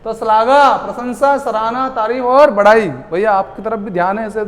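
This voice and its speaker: A man teaching a class in a lively lecture style. He keeps asking the students questions and then answers them himself. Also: high voice, moderate pace. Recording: long hall reverb.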